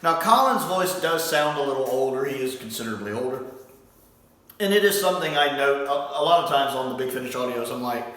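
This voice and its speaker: A man's voice: mid-range voice, animated, brisk, pushed and bright. A man giving a casual spoken review, rambling and thinking aloud with frequent restarts. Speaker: audio drama reviewer. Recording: echoey room, far from mic.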